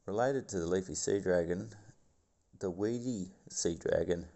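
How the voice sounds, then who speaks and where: Low gravelly guy doing nature documentary narration, kinda dark mellow voice. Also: unhurried. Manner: stumbles over words and scientific names. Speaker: video host.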